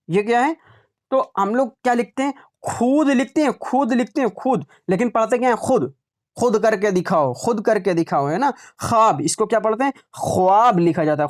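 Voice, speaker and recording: Man teaching exam prep, repeating words. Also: high voice. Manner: drills words aloud, asks and answers own questions.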